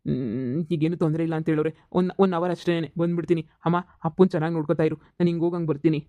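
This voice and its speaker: A man plays a young cartoon son who steadies his parents, speaking quickly and firmly in an even, flat voice. The recording is close and dry. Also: fairly high pitch, no echo, natural voice. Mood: brisk. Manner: firm, reassuring, brisk. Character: young adult son, calm and reassuring. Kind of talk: cartoon voice acting.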